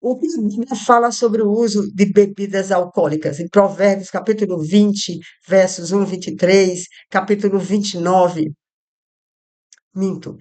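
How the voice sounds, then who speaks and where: A woman from Rio Grande do Norte, Brazil, talks through a casual Bible study in a steady, mid-range voice at a measured pace, with a Northeastern Brazilian Portuguese accent. She drifts into asides, using many fillers and restarts. Soft music plays in her home, and street traffic is heard outside.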